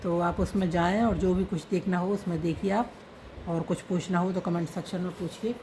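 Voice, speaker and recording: A woman's voice: fairly low pitch, steady tone, normal speed, warm tone, slight background noise. A woman teaching an online reading and writing lesson, patiently spelling out letters and their sounds one by one.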